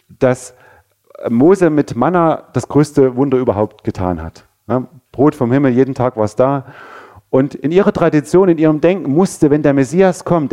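A male pastor delivers a sermon conversationally, frequently posing questions to his listeners. His dark, mellow voice sits at a middle pitch, swinging between raised, pressing lines and quiet, low ones.

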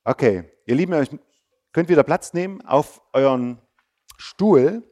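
A man preaching to schoolchildren, telling the story in an animated way, bursting out loud in places and dropping to a soft, quiet voice in others. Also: fairly high pitch, unhurried. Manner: animated storytelling, acting out the disciples with sudden loud outbursts; drops to a soft, quiet voice for reassurance. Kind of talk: lively sermon for schoolchildren.

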